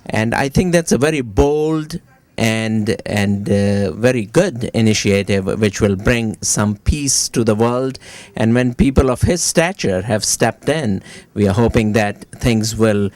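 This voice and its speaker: A man answering interview questions in a measured, formal way, pausing often with uh. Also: fairly low pitch, a little mellow, no room sound. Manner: measured, formal, with frequent uh pauses.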